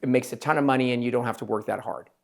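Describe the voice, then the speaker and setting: A man hosting an interview as a plastic surgeon, talking directly and lively, acting out quotes of others in his speech. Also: medium pitch, racing, gravelly. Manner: direct, animated, acts out quotes in his talk. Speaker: plastic surgeon, podcast host. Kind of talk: conversational interview.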